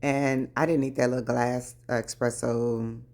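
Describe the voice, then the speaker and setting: Casting: low-pitched middle-aged woman, chatty home vlogger, early morning voice. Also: flat delivery, normal speed, a little mellow. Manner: chatty, addresses viewers as y'all. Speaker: lifestyle vlogger. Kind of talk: casual chat while decluttering.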